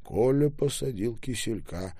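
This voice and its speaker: A man narrating an audiobook in a steady, even reading. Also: mid-range voice, a little slow, dry recording, studio quality. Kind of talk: scripted narration.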